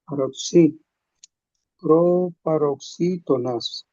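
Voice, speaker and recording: A man's voice: on the high side, very slow, warm tone, dull audio. A man answering his teacher's questions in class, hesitant and restarting words. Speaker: student.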